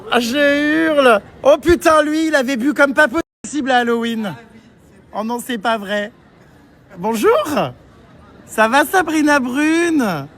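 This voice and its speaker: An exuberant man hosting a vlog, with a high voice that swings widely in pitch. He fills his excited commentary with theatrical exclamations as he walks through indoor museum rooms. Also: a little slow, pauses often. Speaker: vlog host.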